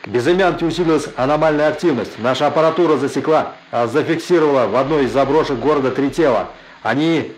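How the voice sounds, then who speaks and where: A man's voice: fairly high pitch, fast, few pauses, poor audio. An actor playing a stern male headquarters officer speaking in clipped turns over a police-style radio link. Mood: terse. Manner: clipped, ends each turn with "over". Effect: police-style radio transmission. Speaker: radio caller in an audio drama.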